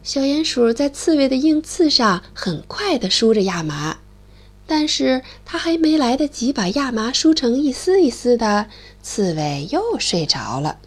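A woman narrating a children's storybook in an expressive, sing-song way. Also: high-pitched, unhurried.

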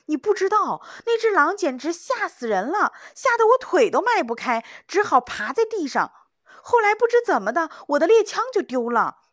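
A woman voicing a frightened, panicky young male hunter who pleads in high, breathless cries. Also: big pitch swings, normal speed, dry recording, studio quality. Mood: panicked.

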